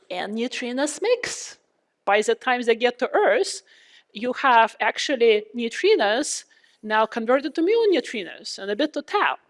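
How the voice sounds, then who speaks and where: Woman lecturer talking thru a face mask, kinda high muffled voice, asks the class questions. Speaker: physics lecturer. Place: lecture room.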